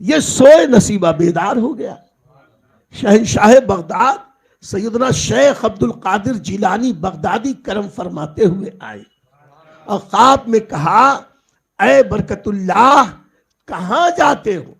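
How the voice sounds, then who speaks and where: A man's voice: high voice, lively intonation, slow, gravelly, husky. A man preaching a devotional sermon, telling stories of saints and addressing the audience as his friends. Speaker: Islamic preacher. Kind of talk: Urdu sermon storytelling. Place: large gathering, public address.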